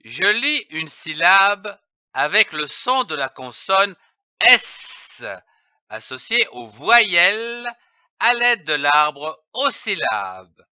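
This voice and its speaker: A man with a French accent teaching children to read, slowly spelling out letters and syllables in a deliberate lesson. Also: sits high, big pitch swings, sharp tone, no room sound. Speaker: reading teacher. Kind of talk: slow, deliberate phonics lesson. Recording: dull, lo-fi.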